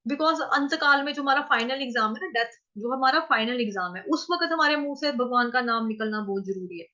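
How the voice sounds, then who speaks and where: A woman teaching how to chant a Sanskrit verse, breaking words into syllables, repeating them slowly and answering her own questions. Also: high voice, pushed and bright, muffled recording. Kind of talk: pronunciation lesson in Hindi.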